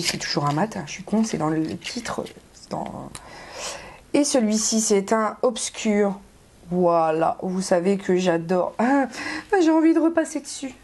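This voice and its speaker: A woman beauty vlogger chats through a makeup haul in a slightly high voice. She is expressive and loose-tongued and drops the odd swear word. When she gets riled up, she stumbles and repeats her words. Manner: chatty and expressive, swears casually. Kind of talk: casual makeup haul video.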